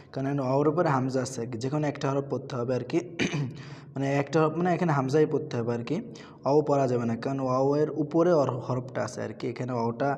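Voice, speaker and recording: A man with a mid-range, darkish voice teaches Quran recitation in a big-room sound. He patiently spells out letters and vowel marks, repeating each word before reciting it.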